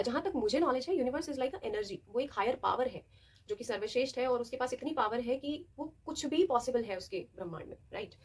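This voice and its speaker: This young adult woman has a slightly high but darkish, husky voice. In her self-help video she speaks to camera in a relaxed, expressive way, acting out short scenes as she explains.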